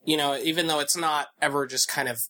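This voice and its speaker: Bright-voiced man rambling through a podcast chat. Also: fairly high pitch, fairly even intonation, brisk. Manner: rambling, thinking aloud with many fillers and restarts. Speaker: podcast co-host. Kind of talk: casual chat.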